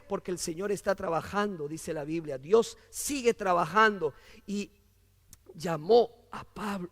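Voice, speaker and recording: A man's voice: high-pitched, fairly bright tone, long reverb tail. A man preaching a sermon earnestly, repeating phrases for emphasis and dropping to a near-whisper on scripture.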